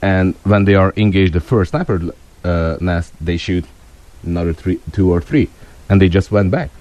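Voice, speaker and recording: Hungarian man, low mellow voice, ex-soldier expert guest on a call-in show, halting English. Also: dry recording, dull audio. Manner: halting non-native English, searching for words.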